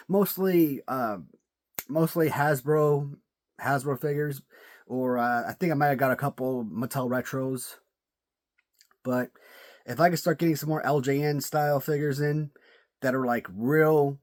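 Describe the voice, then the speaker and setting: With a slightly mellow voice on the high side, a man chats casually through a video review of his action figure collection. He tends to restart and repeat words while thinking, and his throat sounds sore, making his voice crack.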